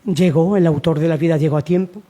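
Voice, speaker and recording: High-voiced man preaching a sermon. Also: fast, warm tone. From Spain. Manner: repetitive, exhortative, rhetorical questions.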